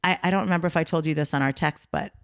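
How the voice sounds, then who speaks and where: A woman's voice: low voice, very fast, smooth. An American woman hosting a podcast, interviewing her guest in a casual, chatty way. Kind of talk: casual chat.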